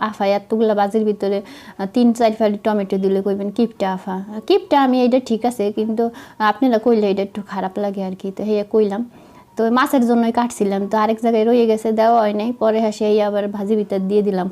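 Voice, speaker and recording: A young woman with a Madaripur Bengali accent, chatting to viewers while she cooks, slightly hoarse from a cold and making fun of herself. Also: on the high side, warm tone. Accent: Madaripur Bengali dialect. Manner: chatty, self-mocking, talks to viewers while cooking. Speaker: vlogger. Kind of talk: casual cooking vlog narration.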